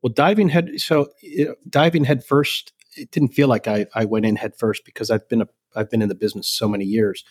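An older man from El Salvador, a company president talking as a guest in a relaxed, rambling way with many ums and restarts. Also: mid-range voice, fairly quick, few pauses. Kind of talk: casual interview chat.

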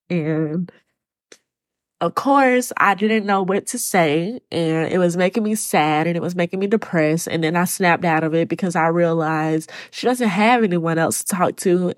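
A woman hosting her own podcast, talking to her listeners in a halting, choked-up way and close to tears. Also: on the low side, no room sound. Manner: speaks to listeners as y'all. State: tearful. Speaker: podcast host. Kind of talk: personal solo podcast talk.

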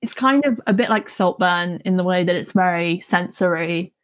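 A woman film journalist guesting on a podcast, relaxed and chatty, laughing often. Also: on the low side, normal speed, dry recording. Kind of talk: casual film chat.

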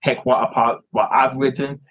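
A man's voice: mid-range voice, little pitch movement, moderate pace, muffled recording. A man from Canada, a filmmaker guest chatting casually in an interview, rambling and often restarting his words.

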